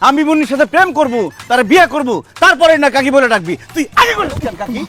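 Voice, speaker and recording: A man's voice: extremely high pitch, expressive, fast, sharp tone, soft background music, exaggerated voice. A man playing a blustering village uncle. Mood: scolding. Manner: blustering, scolding. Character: sly boastful village uncle chasing a woman. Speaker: scheming uncle.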